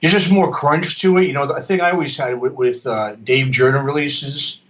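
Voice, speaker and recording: A man's voice: medium pitch, moderate pace, fairly bright tone, slight background noise. Rambling man co-hosting a podcast, dull sound. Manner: rambling, full of um and you know. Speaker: podcast co-host and producer. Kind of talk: casual podcast chat.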